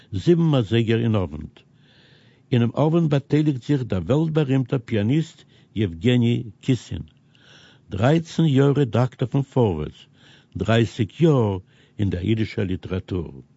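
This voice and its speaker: A man presenting a scripted radio news program, reading items in a steady, measured way. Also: mid-range voice, gravelly, slightly rough, dry recording. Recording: dull, lo-fi radio recording.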